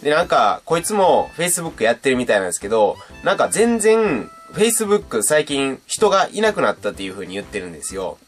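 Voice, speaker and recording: A man's voice: medium pitch, a little fast, hardly any pauses, faint music behind. A young man, chatting casually as he teaches beatboxing on his channel. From Japan. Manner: chatty and animated, demonstrating sounds. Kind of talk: casual video lesson.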